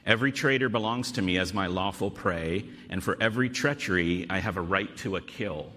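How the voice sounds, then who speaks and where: A man's voice: low voice, a little fast, pushed and bright. A man reading the lines of a cruel, regal witch queen from a storybook, in a cold, formal manner.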